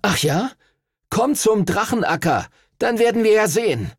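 A man's voice: high-pitched, big pitch swings, moderate pace, husky, dry recording, studio quality, pitched above the performer's own voice, heavily acted. A man doing a hot-headed young boy. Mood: defiant. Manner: angry, defiant.

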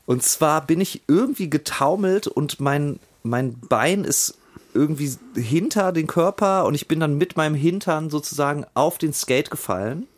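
A middle-aged man chatting casually as a podcast host, telling an anecdote with lively reenactments. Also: on the high side, moderate pace. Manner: animated storyteller, acts out scenes with raised voice. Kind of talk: casual chat.

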